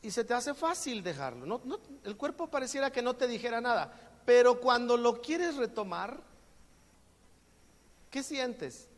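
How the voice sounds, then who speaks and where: This male pastor has a very high-pitched voice, very animated, delivered at a measured pace. Speaking with a Mexican Spanish accent, he preaches a sermon full of jokes, acting out everyday exchanges, and the recording carries a long hall reverb.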